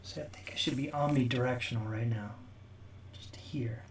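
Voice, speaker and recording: A relaxed man from New Jersey chats on a livestream while testing his mic. His voice comes through hollow and tube-like, as if he were speaking down a drain pipe. He sits back from the microphone in an echoey room, and his voice has a middle pitch. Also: moderate pace, recorded from a distance, a little hiss or hum. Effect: hollow echo, as if talking through a drain pipe. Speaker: livestream host answering viewer questions. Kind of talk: casual livestream chat. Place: indoor room with a green screen.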